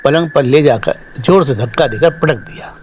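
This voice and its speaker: A man telling a first-person horror story in steady, dramatic scripted narration, closing as the show's host. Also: mid-range voice, normal speed, slight background noise.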